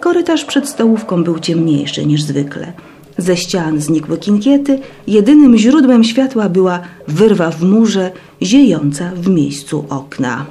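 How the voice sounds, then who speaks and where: A woman reading a first-person story aloud in a dramatic, expressive way. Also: lowish voice, unhurried, a little hiss or hum. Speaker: audiobook narrator. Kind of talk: first-person scripted narration.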